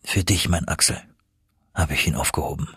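A man's voice: fairly low pitch, lively intonation, moderate pace, fairly bright tone, slightly rough, no room sound, studio quality, heavily acted. A man voicing a stern, obsessive old professor on an expedition, commanding and stubborn, in an audiobook reading. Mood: tender. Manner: stubborn, commanding, tender at times.

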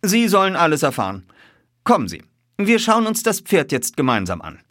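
A man voicing a calm, unshakably composed male detective in a raised voice. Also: fairly high pitch, normal speed, dry recording, clean studio sound, voice pushed up, heavily acted. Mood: calm, revealing.

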